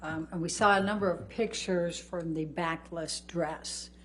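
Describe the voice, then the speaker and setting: A woman lawyer putting formal, deliberate questions to a witness in a courtroom recording. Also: fairly low pitch, steady tone. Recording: courtroom recording with faint hum and noise.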